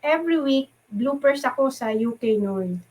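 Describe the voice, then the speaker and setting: Middle-aged woman, from the Philippines, nurse guest, raised pitch, lively storytelling, mimics others. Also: unhurried, rough recording. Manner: animated, laughs often, acts out quoted voices. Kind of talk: casual storytelling chat.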